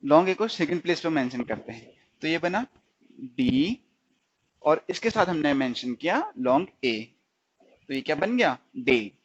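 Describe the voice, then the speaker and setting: A man teaching a stenography lesson, asking his students questions and answering them himself, repeating each sound slowly. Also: on the high side, very animated, breathy edge, no room sound, lo-fi sound. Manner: slips into English definitions. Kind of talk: recorded shorthand lesson.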